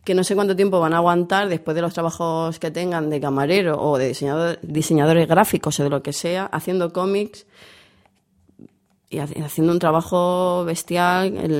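Hoarse woman with a cold. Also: lowish voice, steady tone, brisk, darkish tone. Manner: candid, chatty, self-deprecating. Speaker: comics author and editor. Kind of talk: casual interview.

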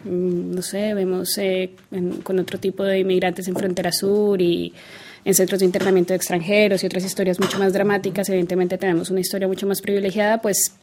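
A woman answers an interview question calmly. Her pitch stays level and steady, and soft fillers fall between her phrases. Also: fairly quick, a little hiss or hum. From Colombia. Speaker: guest artist.

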